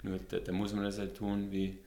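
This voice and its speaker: Speaking fairly quickly with a completely flat delivery, this man has a lowish, mellow voice, and the room sounds roomy. He's a visual artist in his thirties from Austria and the USA, whose Austrian German accent is tinged by American English, chatting relaxedly as an interview guest while often repeating words and laughing.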